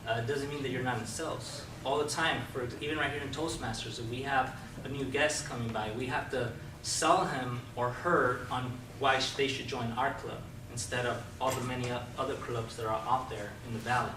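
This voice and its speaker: A man's voice: mid-range voice, steady tone, normal speed, hardly any pauses. A man giving an informal, persuasive sales presentation to a group, explaining his points directly to the listeners. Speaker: Toastmasters club speaker giving a sales talk. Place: indoor club meeting room with a live group. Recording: distant mic, very echoey room, clear noise.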